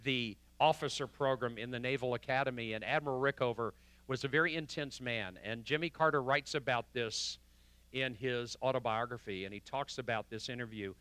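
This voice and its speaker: A pastor preaching to his congregation. His voice is bright and sits at a middle pitch. He swings between loud, driving emphasis and hushed, almost whispered quotations. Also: brisk, clear, resonant tone, no room sound. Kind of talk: sermon. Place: church sanctuary.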